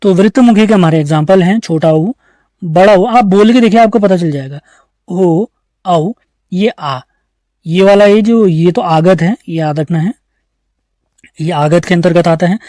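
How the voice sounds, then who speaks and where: The speaker is a man with a high voice and darkish tone, recorded in clean studio sound without any room sound. Teaching online exam-prep grammar in an Uttarakhand Hindi accent, he explains step by step and poses questions to the class that he answers himself.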